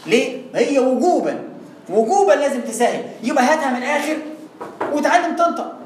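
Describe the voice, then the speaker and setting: A man with an Egyptian accent teaching Quran recitation rules in a lively, informal way, acting out little exchanges with students. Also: extremely high pitch, fast, echoey room, slight background noise. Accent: Egyptian Arabic. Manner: lively, acts out back-and-forth dialogues, teasing. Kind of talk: informal tajweed lesson.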